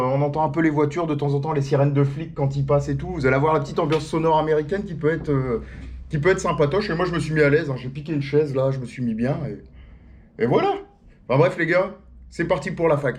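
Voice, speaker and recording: A young man chatting casually outdoors as a vlogger answering viewer questions, slangy and full of fillers and restarts. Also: a little high. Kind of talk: casual chat. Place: sitting outdoors on a chair.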